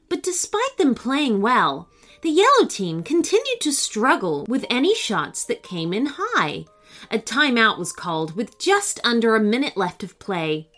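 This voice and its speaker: A woman narrating a children's story in an expressive, animated way. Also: fairly high pitch.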